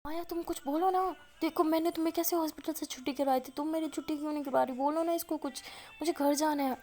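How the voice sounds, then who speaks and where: A woman's voice: fairly high pitch, steady tone, warm tone, natural voice. A woman voicing a stubborn, impatient young woman patient who complains insistently. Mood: insistent, cross.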